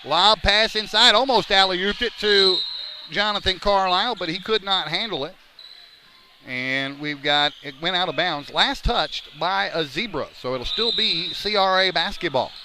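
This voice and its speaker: Over clear gym noise and a bouncing ball, a man calls live basketball play-by-play from courtside. His voice sits high, and he sounds slightly winded. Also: normal speed. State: a little out of breath. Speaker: play-by-play sports commentator. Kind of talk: live basketball radio-style commentary. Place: courtside in a school gym during a game. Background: basketball bouncing and game noise.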